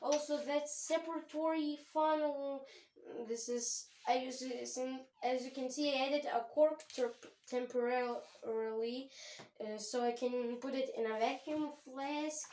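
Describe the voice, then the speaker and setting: A woman's voice: high voice, fairly even intonation, unhurried, darkish tone. A woman giving a rambling, chatty tour of her home chemistry lab, often correcting herself. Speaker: home chemistry channel host. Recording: echoey room.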